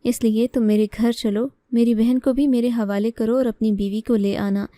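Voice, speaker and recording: Brief: woman playing a young brother in a storybook reading, urgent and indignant, slightly high, warm tone. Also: fairly even intonation, no echo, studio quality, close to an everyday voice. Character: worried young man, the heroine's brother, defensive.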